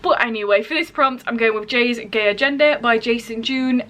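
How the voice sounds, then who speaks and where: Speaking at a normal pace in a fairly bright, high-leaning voice, this woman runs a book vlog. She chats loosely with her audience, catching her own slips and wandering off on tangents.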